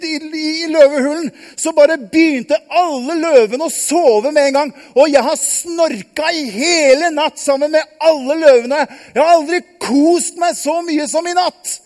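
A man's voice: extremely high pitch, pitched above the performer's own voice. A man doing cheerful Daniel from the den. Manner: eager, happy calling out. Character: faithful young man, cheerful, in lions' den. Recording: long hall reverb.

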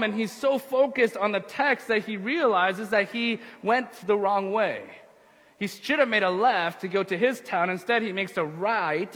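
A man's voice: sits high, bright, forceful tone. A man preaching a sermon as pastor in a church, earnest and repetitive, with fillers and rhetorical questions. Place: church sanctuary. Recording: long church reverb.

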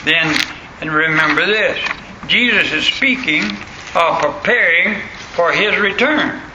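An older man with a rural Southern US accent and an old country voice preaches a plain-spoken, folksy sermon, repeating phrases for emphasis. His voice is on the high side and expressive, and he takes it slowly; the lo-fi recording has an echoey room and faint background noise.

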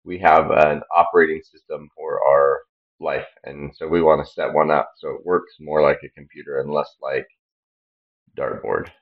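A man's voice: a bass voice, fairly even intonation, moderate pace, dull audio. A man co-hosting a casual podcast, explaining things in an easygoing, plain way. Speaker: podcast co-host.

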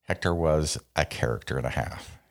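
A man's voice: extremely low pitch, normal speed. A man hosting a casual podcast, chatting in a joking, self-deprecating, rambling way. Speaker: podcast host. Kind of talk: casual chat.

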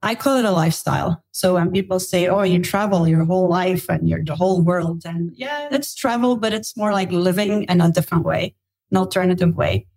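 Middle-aged woman from Belgium, husky and a little low, chatty podcast guest storytelling. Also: a little fast, a little mellow. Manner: chatty, laughing, with restarts. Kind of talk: casual interview storytelling.

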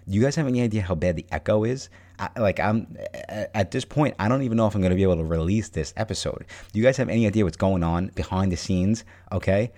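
A man's voice: on the low side, fast talker, warm tone. A male podcast host talking casually and energetically, full of slang and swearing, muffled because he is recording under a blanket over his head. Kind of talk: casual motivational podcast talk. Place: empty, unfurnished new house, inside a blanket fort.

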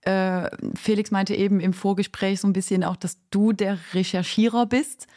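A woman from Belgium, a guest on a podcast, talking casually in a chatty, lively way with lots of fillers and laughs. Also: mid-range voice, normal speed. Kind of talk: casual chat.

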